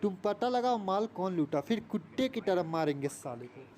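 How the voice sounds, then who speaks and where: A man's voice: high-pitched, lively intonation, moderate pace, a little mellow, slight background noise. A man voicing a bossy young gangster.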